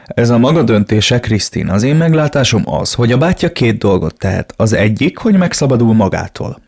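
A man's voice: mid-range voice, big pitch swings, vocal fry, a little mellow, slightly rough, full character voice. A man reading a formal, matter-of-fact lawyer. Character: composed middle-aged male lawyer, matter-of-fact.

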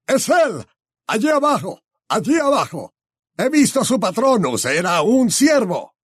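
A man voicing a brutal male Death Eater henchman who shouts in a high, strained voice. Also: moderate pace, dry recording, studio quality. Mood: triumphant.

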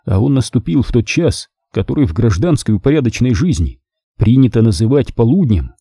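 A man narrating an audiobook, voicing the soldiers' lines himself in a raised pitch. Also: big pitch swings, brisk, warm tone, husky, no room sound, studio quality.

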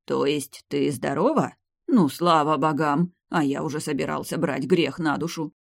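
A reader voicing an older male vampire clan head, a gruff and doting grandfather, in an audiobook. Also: medium pitch, normal speed, no room sound, clean studio sound. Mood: agitated. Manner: gruff, fussing. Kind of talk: audiobook character voice.

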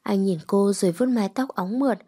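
Female narrator for a scripted story. Mellow, dark voice, even pacing. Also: medium pitch, brisk, husky.

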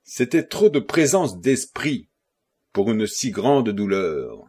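A husky male narrator reading a classic novel aloud. His measured delivery has lively, wide-ranging intonation. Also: fairly low pitch. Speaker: audiobook narrator. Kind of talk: scripted narration.

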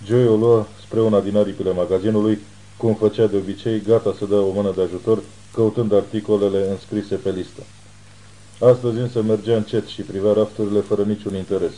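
Deep, dark-voiced male audiobook narrator. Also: steady tone, low-quality recording. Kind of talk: scripted narration.

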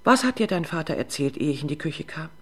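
A woman's voice: very animated, fast talker, a bit bright, full character voice. A woman doing a tearful drunken mother. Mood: pleading. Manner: tearful, pleading, rising to shrill reproach. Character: drunken, weeping young mother, desperate and clinging.

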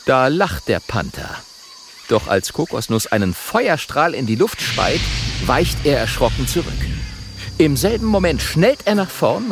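Brief: male audiobook narrator, slow, gravelly, very lively delivery. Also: a little high. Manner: expressive, measured.

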